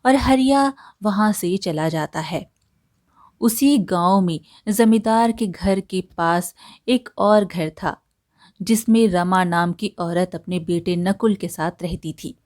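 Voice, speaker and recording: Slow-paced woman storyteller. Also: on the low side, a little mellow. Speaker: narrator. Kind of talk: scripted storytelling narration.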